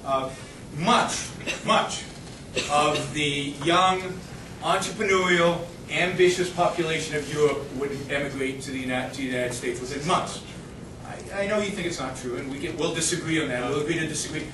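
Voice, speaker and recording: A middle-aged Israeli man with a fairly high voice at normal speed answers audience questions as a guest speaker in an impassioned lecture Q&A. Insistent and restless, he is emphatic and argumentative with frequent restarts, recorded from far off in a noisy, echoey university lecture hall.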